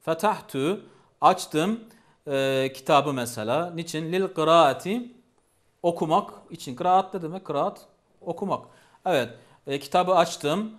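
Male teacher, patient and repetitive, voice a touch high. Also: unhurried. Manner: patient, repeats each phrase and asks questions. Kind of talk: language lesson.

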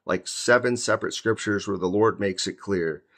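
A man with a low, gravelly voice preaches a sermon. His tone is husky and a little rough. He reads each verse slowly and then unpacks it in plain, emphatic speech. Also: fairly bright tone. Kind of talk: sermon with Bible reading.

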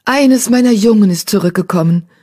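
A woman's voice: mid-range voice, a little fast, darkish tone, voice pushed up, natural voice. Woman doing a tender mother cat.

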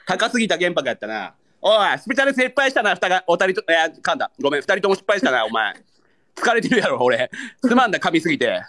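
Fast, lively Kansai man ribbing his guest. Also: high voice. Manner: mock-angry teasing, pleads for gifts. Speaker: livestreamer. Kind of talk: live-stream battle banter.

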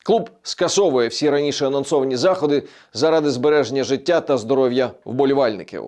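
A man presenting a weekly regional news roundup in a measured, scripted delivery. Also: medium pitch, a little mellow.

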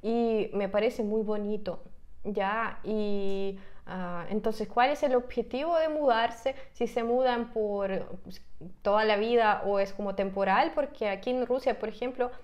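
A woman's voice: mid-range voice, a little slow, darkish tone, muffled recording. A young Russian woman in her twenties, a native Russian speaker, vlogging casually and thinking aloud as she reads from her laptop, with many fillers and restarts. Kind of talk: casual reaction vlog. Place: home room with a piano, indoors. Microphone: clip-on lapel mic.

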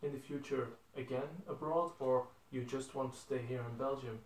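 A man's voice: medium pitch, steady tone, normal speed. A young man leads a casual interview, asking plain questions and hesitating often. His voice sounds roomy and set back from the phone. It comes across as a homemade living-room recording. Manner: hesitant, many fillers, simple questions. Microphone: phone camera across a table. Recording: roomy, from a distance.

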